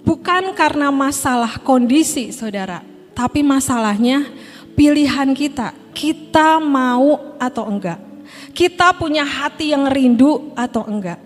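A middle-aged woman pastor preaches in a relaxed, storytelling way, turning often to her listeners. Her voice sits high and bright. The hall gives a long reverb, and faint worship music plays underneath. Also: a little slow. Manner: conversational preaching, often addressing listeners as brothers and sisters. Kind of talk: sermon. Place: church hall.

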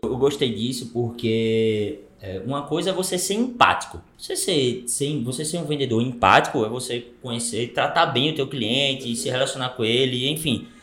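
A man's voice: mid-range voice, animated, normal speed, few pauses, a bit bright. A man with a Brazilian Portuguese accent, talking in a casual podcast chat. He speaks emphatically and animatedly, tripping over his words with fillers and restarts. The room gives his voice a noticeable echo. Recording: roomy echo.

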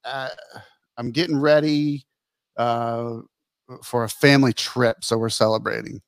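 A man's voice: medium pitch, fairly even intonation, unhurried, no room sound, clean studio sound. A middle-aged man co-hosting a podcast in casual chat, rambling and laughing through his stories. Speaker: podcast co-host.

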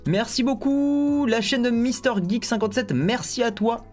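A man's voice: extremely high pitch, normal speed, a little mellow, soft background music. A man hosting a casual tech live stream, chatty and joking, with many fillers and asides.

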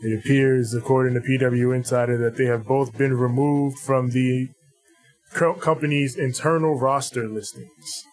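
A man with an average-pitched voice co-hosts a podcast. He talks informally, repeating himself and swearing now and then. Music sits faintly behind him. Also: steady tone, moderate pace, darkish tone, poor audio. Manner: informal, profane, repeats phrases. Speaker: podcast co-host. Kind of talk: casual wrestling news chat.

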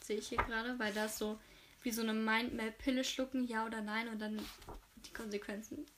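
A woman's voice: on the high side, flat delivery, a little fast, background noise. A woman reading a novel aloud for her viewers and making chatty, frank asides about the story.

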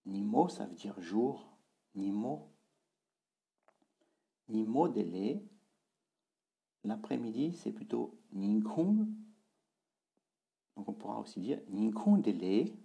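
A man teaches a language lesson in a slow, unhurried delivery, saying each word again and again to drill its tones. His voice is gravelly and very dark, sitting fairly low. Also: very animated.

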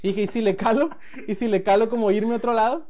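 Fast-talking and a little mellow, this man's voice sits high. A late-twenties guest from Sinaloa with a Mexican accent, he laughs through a casual storytelling chat, restarting phrases and acting out what people said.

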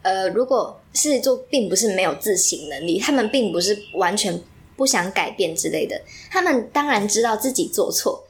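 A young woman, chatting casually and telling animated stories full of fillers. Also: mid-range voice, moderate pace. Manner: animated storyteller, heavy use of fillers. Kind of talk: casual chat.

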